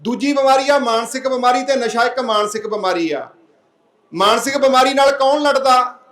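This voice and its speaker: A man speaks in a very high voice to a seated village crowd. He talks plainly and earnestly, putting rhetorical questions to his listeners and telling a folk parable. His voice rings through an echoey public-address sound. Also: moderate pace, a bit bright. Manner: earnest, plain-spoken exhorting. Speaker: speaker at a public anti-drug meeting.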